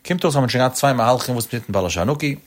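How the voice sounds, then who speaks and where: A man giving a Talmud study lecture in a sing-song study cadence, often rising in pitch at the ends of his phrases. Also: animated, racing. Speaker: Talmud teacher.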